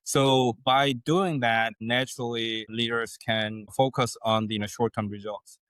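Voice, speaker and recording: A man, a guest on a podcast interview who explains things in a measured way with folksy sayings. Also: mid-range voice, steady tone, fairly bright tone, smooth, no echo. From South Korea. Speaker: guest, leadership consultant.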